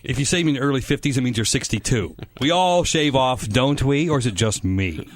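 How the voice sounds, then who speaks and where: Wisecracking radio co-host. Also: male voice, mid-range voice, lively intonation, a little fast. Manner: wisecracking, self-mocking. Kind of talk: casual radio banter.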